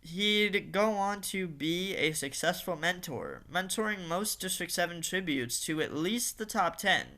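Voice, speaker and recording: A man's voice: on the high side, pushed and bright. A man narrating a fan-made story in a casual reading style, with occasional fillers and restarts.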